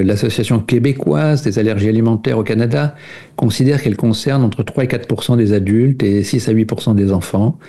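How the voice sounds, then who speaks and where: On the radio, a guest with a lowish, warm voice talks at length about nutrition and food intolerances. His explanations are full of fillers and hesitations, and he frequently points to studies.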